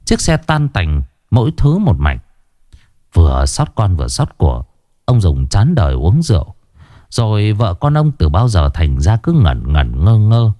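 A man narrating a ghost story in the first person, dramatic and expressive, dwelling on grim details. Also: fairly low pitch, measured pace, no echo, studio quality.

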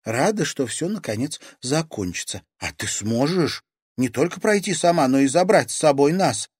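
A man's voice: on the high side, very animated, moderate pace, darkish tone, husky, dry recording, studio quality, pitched above the performer's own voice. Audiobook: worried teen girl friend, done by a man. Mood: hopeful. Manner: emotional, anxious. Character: anxious teenage girl friend, emotional. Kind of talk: audiobook character voice.

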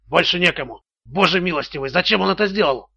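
A man voicing a frightened, bewildered businessman who speaks quietly and pleads, in a muffled audiobook recording. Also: sits high, animated, fast talker, gravelly, breathy edge, heavily acted.

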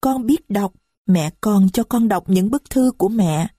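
A woman voicing a small innocent girl who answers politely in a high childish voice, read from a storybook. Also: lively intonation, unhurried, warm tone, breathy edge, dry recording, clean studio sound.

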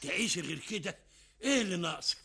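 A man's voice: sits high, lively intonation, very fast, creaky, bright, forceful tone, husky, exaggerated voice. An actor with an Egyptian accent playing Shamis, a rich, devoted husband who pleads with his wife in a radio drama. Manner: pleading, eager, talks over his wife.

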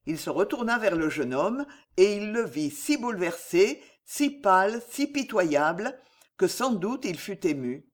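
Expressive audiobook narrator, lively intonation. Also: medium pitch, a little slow. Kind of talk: dramatic novel reading.

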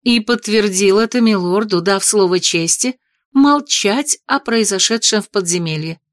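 A woman reading an audiobook, voicing a noble mother who speaks in a measured, formal, gently reproving way. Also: mid-range voice, dry recording, studio quality, natural voice. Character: noble mother, gentle but stern lady. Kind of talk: audiobook character voice.

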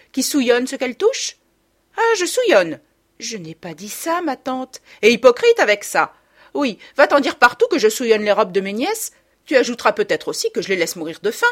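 Woman voicing a bossy peasant mother, scolding, indignant, raised husky voice, wild pitch swings, audiobook. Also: full character voice. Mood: outraged. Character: shrill domineering peasant mother, quick-tempered.

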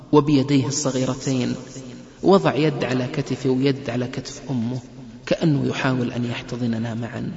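A man giving a religious lecture on family life, telling stories and acting out the people in them. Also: medium pitch. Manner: lively storyteller who acts out quoted people. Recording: echoey hall, muffled lo-fi lecture recording.

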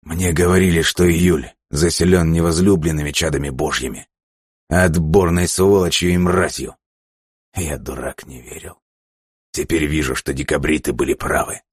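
A broken prisoner speaks quietly and bitterly in a very deep, husky voice, as a male narrator plays him. His words are low and subdued. The recording is dry and close. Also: steady tone, moderate pace, no echo. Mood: contemptuous.

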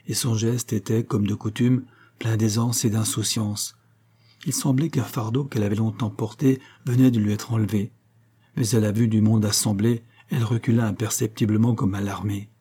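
A man reading a classic novel aloud in a steady, measured narration. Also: lowish voice, slightly rough. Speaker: audiobook reader.

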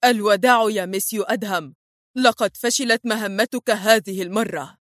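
A woman's voice: normal speed, a bit bright, no room sound, close to an everyday voice. A woman voicing a fierce young female spy who threatens with a pistol, in a dry, close storybook reading. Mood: threatening. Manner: shrill, threatening.

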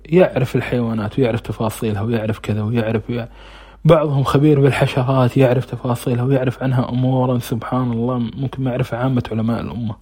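With a medium-pitched, mellow voice that has a breathy edge, a man teaches scripture in a relaxed religious lesson. He asks himself rhetorical questions and supplies the answers, weaving recited passages into his conversational explanations.

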